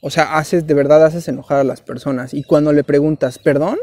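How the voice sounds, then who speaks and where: Against slight background noise, a young man with a Mexican Spanish accent talks briskly in a steady, dark-toned voice on the high side. He's a vlogger offering casual, rambling, slang-heavy advice and repeatedly says "güey."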